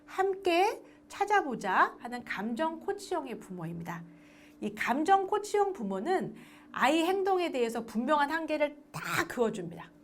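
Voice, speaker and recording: A woman lectures on adoption and parenting in a lively way, acting out parent-child dialogue and asking the audience questions that she then answers herself. Her voice sits high at a moderate pace, with slight background noise.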